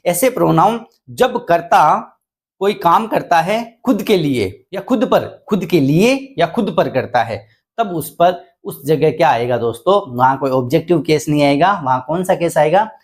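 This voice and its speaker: Male Hindi grammar teacher, slow repetitive explanations. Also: on the high side, animated. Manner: explains slowly, repeating key points. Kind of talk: online grammar lesson in Hindi. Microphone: desk microphone indoors.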